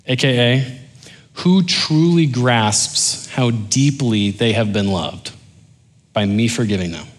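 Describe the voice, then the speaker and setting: Animated, joking male preacher. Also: medium pitch. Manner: animated, joking, conversational preaching that drops to quiet intensity. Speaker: pastor. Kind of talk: sermon.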